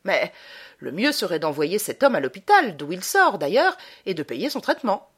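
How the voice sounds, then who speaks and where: A woman voicing a brisk, wary village doctor from a storybook, with businesslike speech. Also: on the low side, very animated, a bit bright, slightly rough, heavily acted. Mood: worried.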